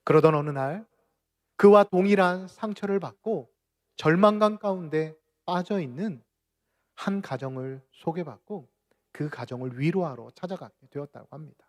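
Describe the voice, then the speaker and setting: A man preaching a sermon as pastor of a church, with dramatic swings from loud cries to near-whispers. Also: fairly high pitch, normal speed. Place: church sanctuary.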